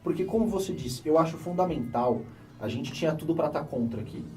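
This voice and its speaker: A young Brazilian man with a Brazilian Portuguese accent, hosting a casual conversation and thinking aloud with animated restarts. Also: a little high, fairly quick, soft background music. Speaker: host. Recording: voice a bit distant from the mic.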